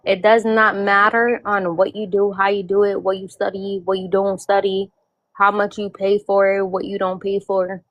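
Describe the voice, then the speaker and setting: A woman's voice: medium pitch, little pitch movement, moderate pace, no room sound, dull audio. A woman born in Puerto Rico speaks earnestly as a panel guest, pressing her point and repeating herself when she cuts in. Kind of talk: casual panel discussion.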